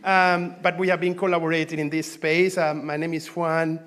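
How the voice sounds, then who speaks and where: A Venezuelan-born researcher presents at a symposium in a voice on the high side, with level intonation and a fairly bright tone. His conference talk is conversational but halting, full of frequent fillers and restarts.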